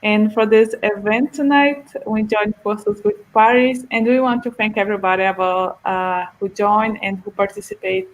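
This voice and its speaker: A woman's voice: medium pitch, fairly even intonation, normal speed, few pauses, poor audio. A woman from Brazil co-hosting an online meetup, chatty and laughing easily. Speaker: event co-host.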